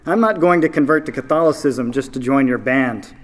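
A man's voice: mid-range voice, brisk, lightly acted. A man reading aloud, voicing an earnest young male adventurer who pleads and protests. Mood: pleading.

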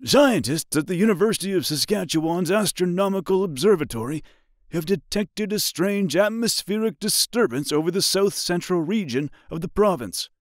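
A man's voice: sits high, no room sound, clean studio sound, pitched above the performer's own voice. A man voicing an urgent male radio news announcer reading a formal bulletin. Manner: formal, clipped bulletin delivery.

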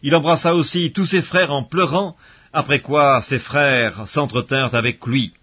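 A man reading scripture aloud in a measured, solemn way, pausing between phrases. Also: mid-range voice, slightly rough. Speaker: Bible reader. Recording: dull lo-fi audio recording.

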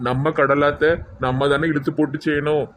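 Mid-pitched voice, flat delivery, Tirunelveli accent, earnest and patient, faint hiss behind. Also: normal speed. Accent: Tirunelveli Tamil. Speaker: comedy sketch performer. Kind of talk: scripted comedy sketch acting.

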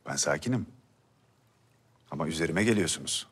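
An actor playing a calm, menacing mafia boss who threatens his captives. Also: a bass voice, normal speed, breathy edge, heavily acted.

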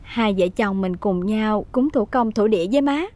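A woman's voice: mid-range voice, normal speed, darkish tone, close to an everyday voice. An actress playing a cheerful young wife who giggles and coaxes her husband. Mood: coaxing. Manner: giggling, coaxing.

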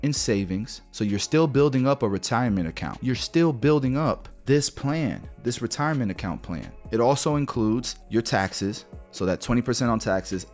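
Here a man's lowish, slightly mellow voice carries a blunt money lesson aimed at the camera. He's a barber business mentor in his thirties working from a small home studio with a podcast mic near his mouth, and he keeps repeating "guys" and "right" in his direct delivery.

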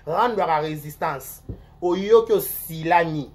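Animated Congolese-accented gossip host. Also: mid-range voice, slow. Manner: rambling, repeats words, swings between loud outbursts and muttering. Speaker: online show host.

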